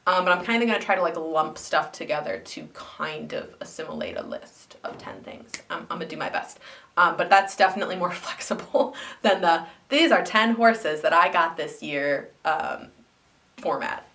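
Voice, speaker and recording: A woman's voice: fairly low pitch, big pitch swings, normal speed, a bit bright, recorded from a distance. A young woman vlogger, congested after flu, chatting casually about her hobby with many ums and likes. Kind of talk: casual chat to camera.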